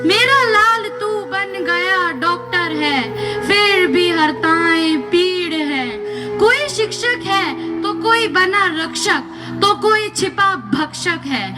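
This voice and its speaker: A woman playing Education as a motherly spirit recites rhyming verse slowly. The voice is very high. Loud music plays behind her. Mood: earnest.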